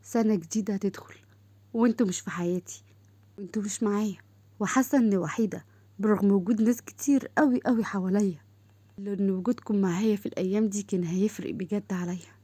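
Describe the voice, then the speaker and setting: A woman voicing a serious, earnest young woman officer who speaks softly and quickly. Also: mid-range voice, no echo, lightly acted. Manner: earnest, soft-spoken.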